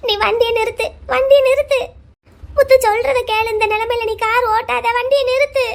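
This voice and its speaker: A woman's voice: very high voice, steady tone, fairly quick, creaky. A woman voicing a caring, emotional young woman in a cartoon who pleads and repeats his name. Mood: insistent. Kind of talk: cartoon voice acting.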